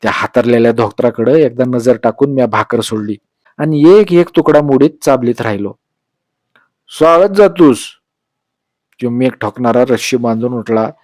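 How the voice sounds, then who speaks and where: A man telling a story aloud, with measured, expressive narration in a rural dialect. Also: mid-range voice, dry recording, clean studio sound.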